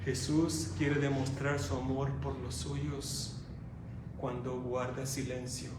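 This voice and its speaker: A male pastor preaching a sermon, slow and dramatic, swinging from loud emphasis to hushed tones. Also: medium pitch, level tone, background noise. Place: church. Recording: echoey church hall, from far off.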